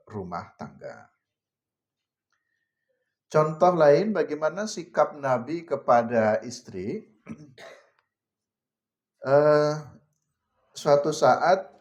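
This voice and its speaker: A man's voice: mid-range voice, a little mellow. A man giving an informal religious lecture, talking straight to his listeners and often laughing. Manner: chatty, addresses audience directly, laughs often, mixes Javanese words. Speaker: religious teacher. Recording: muffled lo-fi recording.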